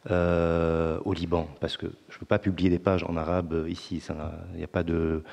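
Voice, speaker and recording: Low-voiced male panelist, measured and hesitant, reverberant hall. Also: a little mellow. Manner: measured, hesitant with many pauses. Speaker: panelist, comics artist. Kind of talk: panel talk. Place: conference hall.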